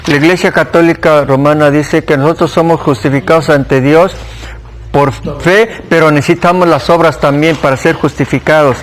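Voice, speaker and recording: A man's voice: on the high side, steady tone, moderate pace. A man with a Mexican Spanish accent teaching a church Bible class, conversational, questioning the class and repeating key points.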